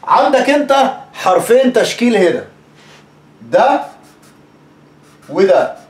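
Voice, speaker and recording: With a high voice, big pitch swings, and a slow pace, an Egyptian man teaches English pronunciation in a roomy-sounding space. His Egyptian Arabic accent comes through as he chats, repeats words, and acts out examples in this casual spoken lesson.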